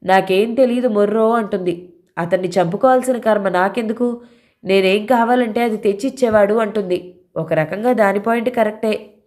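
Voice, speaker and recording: A woman's voice: medium pitch, normal speed, darkish tone, voice pushed up, close to an everyday voice. Brief: woman reading a tired, blunt middle-aged cop, matter-of-fact. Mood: weary. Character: middle-aged male police officer, weary and blunt.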